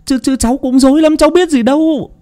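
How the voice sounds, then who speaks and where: A man's voice: very high-pitched, quick pace, warm tone, pitched above the performer's own voice. A man voicing an anxious young man who stammers while trying to soothe his family.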